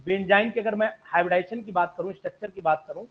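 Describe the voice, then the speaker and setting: A man's voice: high voice, racing, phone-quality sound. A man teaching an online chemistry class, politely asking students questions and calling them sir.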